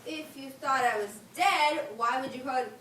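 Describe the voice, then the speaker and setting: A woman's voice: high voice, measured pace, fairly bright tone. A woman playing a brusque, menacing male gangster in a stage comedy. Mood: irritated. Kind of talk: live stage comedy acting. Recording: echoey stage, distant mic, clear noise.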